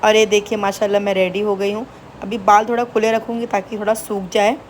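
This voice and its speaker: A woman's voice: medium pitch, flat delivery, fairly quick. Woman, young adult, casual vlog narration, talks straight to viewers, home recording, light background noise. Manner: chatty, addresses viewers directly. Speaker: vlogger. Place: family home, indoors.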